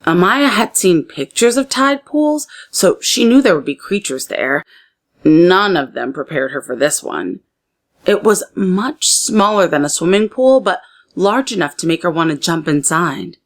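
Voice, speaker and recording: Reading a children's story aloud, a woman shapes her phrasing expressively and deliberately for a young audience. Her pitch is fairly low.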